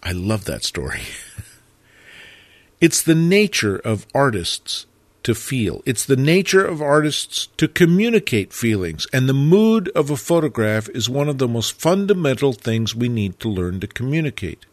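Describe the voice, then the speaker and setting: A man narrating a photography lesson in a measured, reflective way, stressing key words. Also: medium pitch, very animated, no room sound. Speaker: photography teacher. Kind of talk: scripted narration.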